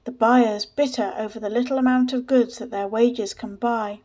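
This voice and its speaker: Woman narrator doing a disgusted young man, slow bitter questions, fairly high voice. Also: steady tone, warm tone, lightly acted. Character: brooding disillusioned young man.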